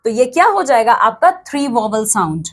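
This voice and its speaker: A woman's voice: fairly high pitch, big pitch swings, moderate pace, a bit bright. A woman teaching an English textbook lesson to students, explaining step by step, counting aloud and often checking they follow.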